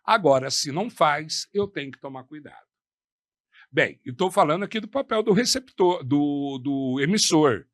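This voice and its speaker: Lively male professor lecturing. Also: fairly high pitch, moderate pace, dry recording, clean studio sound. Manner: didactic, asks the audience rhetorical questions; uses his hands a lot while talking. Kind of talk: lecture on negotiation.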